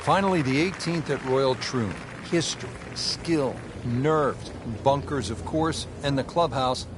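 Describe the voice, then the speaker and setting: A man's voice: mid-range voice, a little slow. A man giving golf commentary as lead announcer, calling shots and putting questions to his co-commentator. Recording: noisy outdoor course, crowd and vehicle sounds. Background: crowd and loud outdoor ambience.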